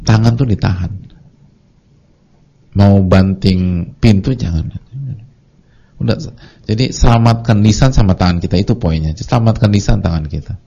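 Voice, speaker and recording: A man preaching a lively sermon to a congregation, who sometimes acts out the voices of its members. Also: fairly low pitch, normal speed, gravelly, pauses often, slightly rough. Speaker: Islamic preacher. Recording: dull lo-fi audio recording.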